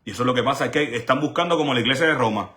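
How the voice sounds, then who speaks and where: A man's voice: medium pitch, racing, sharp tone. A male evangelist delivering a sermon with an emphatic, repetitive preaching cadence.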